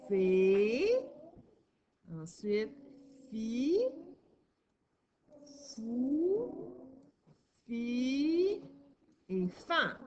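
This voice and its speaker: A woman's voice: medium pitch, fairly bright tone, muffled recording, a little hiss or hum. A woman teaching a young child to read, patient and encouraging, stressing each sound and syllable. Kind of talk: reading lesson for a young child.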